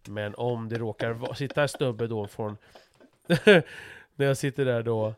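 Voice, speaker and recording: A man's voice: medium pitch, steady tone, darkish tone, clean tone. A middle-aged man talking frankly in a casual conversation, swearing freely and restarting his sentences as he thinks aloud.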